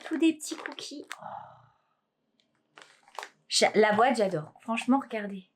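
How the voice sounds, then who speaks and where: A woman vlogging casually about knitting gifts, gushing and exclaiming, often trailing off into soft murmurs. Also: fairly high pitch, lively intonation, measured pace, background noise. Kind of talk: casual unboxing chat.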